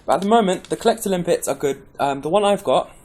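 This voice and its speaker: A man's voice: high-pitched, expressive, quick pace, a little mellow. Chatty man explaining a game setup. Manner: rambling, chatty, many ums and restarts; caffeinated, pepped up. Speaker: game guide presenter. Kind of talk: casual gameplay tutorial commentary.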